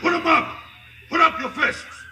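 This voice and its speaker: Cowardly Lion, slow, blustering and whimpering. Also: male voice, extremely high pitch. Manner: mock-tough bluster that gives way to whimpering. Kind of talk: 1950s radio theatre acting. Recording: vintage 1950 radio broadcast with orchestral music.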